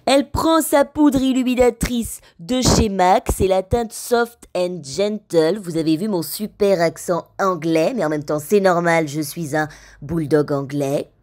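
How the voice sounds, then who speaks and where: A woman voicing a cheeky male bulldog who mocks his aunt in a comic voice-over, speaking in a slow, sarcastic, teasing way. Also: fairly low pitch, a little mellow, pitched below the performer's own voice, close to an everyday voice. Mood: mocking.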